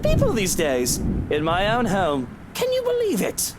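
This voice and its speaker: A man's voice: sits high, wildly swooping pitch, a little slow, slight background noise, exaggerated voice. Smug rich man, mocking, voice swings a lot. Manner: condescending, mocking. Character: smug arrogant wealthy mansion owner, man.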